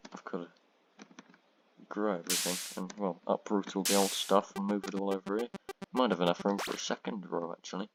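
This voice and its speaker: A man with a monotone voice giving rambling, self-deprecating commentary on his own gameplay, full of ums. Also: low voice, vocal fry. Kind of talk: casual let's-play commentary. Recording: loud background noise and keyboard clicks.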